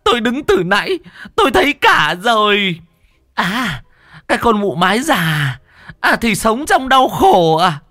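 A woman's voice: mid-range voice, sing-song, a little slow, a bit bright, dry recording, studio quality. A woman voicing a jealous village wife who wails and scolds shrilly. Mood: wailing.

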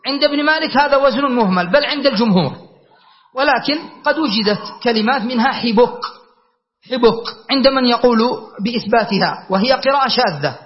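A man teaching a grammar class, reciting verses slowly and then explaining them and quizzing his students. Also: very high-pitched, expressive. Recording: dull lo-fi recording.

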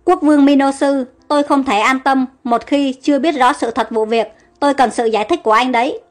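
A woman voicing a young, curious, excitable queen who speaks eagerly and commandingly. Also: sits high, brisk, natural voice. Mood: anxious.

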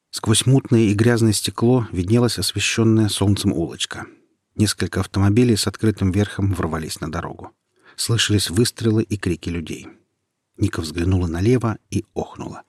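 Low, husky male audiobook narrator. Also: darkish tone, dry recording, studio quality. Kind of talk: scripted narration.

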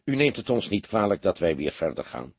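A husky-voiced man reading the part of a weary, gloomy police detective who explains things in a measured way. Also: deep voice, big pitch swings, no room sound, heavily acted.

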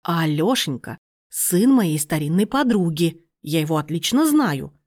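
A woman reading aloud and voicing a domineering middle-aged aunt who bursts into shrill, indignant outbursts. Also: very animated, a little slow, darkish tone.

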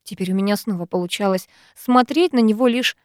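A woman reading a first-person novel aloud, expressive and measured. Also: medium pitch, dry recording, studio quality. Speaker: audiobook reader.

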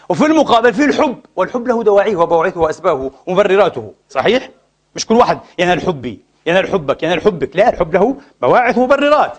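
A middle-aged man preaching a sermon with passion, asking rhetorical questions and swinging between loud and hushed delivery. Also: high-pitched.

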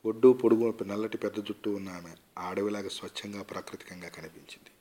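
Quick-reading man narrating a story. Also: on the low side, steady tone, warm tone. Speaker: story reader. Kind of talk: reading a short story aloud.

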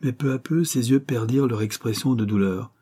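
A man reading a literary story aloud in an expressive, dramatic way. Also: mid-range voice, brisk, breathy edge. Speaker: audiobook narrator.

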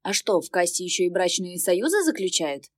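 A woman's voice: on the low side, sing-song, fairly quick, dry recording, clean studio sound. A woman voicing a cheeky, sarcastic male talking dog with snarky quips in a storybook reading.

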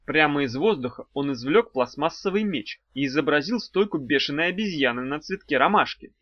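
A man narrating a children's fantasy audiobook with a lively, expressive reading. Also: on the high side, fairly quick, no room sound, highs cut off.

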